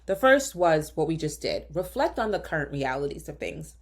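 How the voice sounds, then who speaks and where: A woman physician hosting a solo podcast, talking earnestly and directly to listeners, slightly hoarse from a lingering cough. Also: deep voice, sing-song, moderate pace. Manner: earnest, coaching, direct address.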